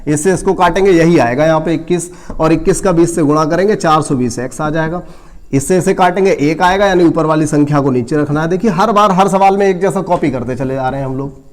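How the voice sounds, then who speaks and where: A man runs a math coaching class, fairly quick in delivery and with a voice that sits on the high side. He calculates sums aloud step by step, speaking straight to his students with gentle scolding.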